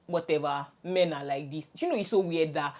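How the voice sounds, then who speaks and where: A young Nigerian woman speaks at a moderate pace in a low-pitched voice while co-hosting a casual podcast. The talk is an easygoing chat between best friends, and her stories come out animated, laughter-filled, and full of restarts.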